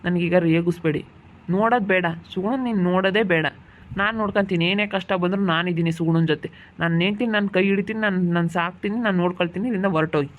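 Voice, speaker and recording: A man's voice: sits high, fairly even intonation, rapid-fire, narrow, tinny audio, lightly acted. A man playing an angry young husband who keeps scolding. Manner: heated, repetitive scolding. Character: angry young husband guarding his sick wife. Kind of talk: amateur village family drama.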